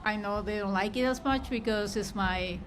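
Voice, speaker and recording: A woman's voice: mid-range voice, moderate pace, background noise. A woman from Chile, a guest runner, answering interview questions modestly in short replies. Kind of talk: casual interview. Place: outdoor festival plaza.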